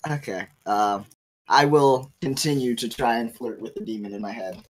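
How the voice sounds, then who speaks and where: A man's voice: mid-range voice, moderate pace, a little hiss or hum. A man playing a tabletop game, joking and speaking wryly in character. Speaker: player. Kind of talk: casual in-character banter.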